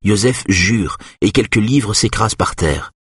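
A man reading a thriller as an audiobook narrator in a steady, measured way. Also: lowish voice, breathy edge, no echo, clean studio sound.

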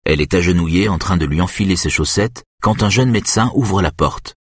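A man narrating an audiobook in a steady, even reading. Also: sits low, a little fast, breathy edge, dry recording, clean studio sound.

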